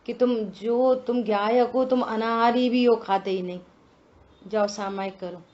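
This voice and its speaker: A woman giving a religious scripture discourse, slow and deliberate, asking many rhetorical questions. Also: fairly high pitch, fairly even intonation, darkish tone, muffled recording. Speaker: scripture teacher.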